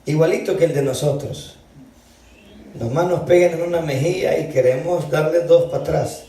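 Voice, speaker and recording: Male preacher, higher voice, reads scripture, says "brother" a lot, booming hall echo. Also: moderate pace, warm tone. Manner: keeps calling listeners brother. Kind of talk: evening sermon reading scripture aloud. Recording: echoey hall, distant mic.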